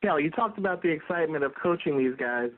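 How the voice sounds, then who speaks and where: A man's voice: fairly high pitch, lively intonation, fast talker. A man working as a reporter, putting a prepared question on a telephone press conference. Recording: tinny phone line conference call.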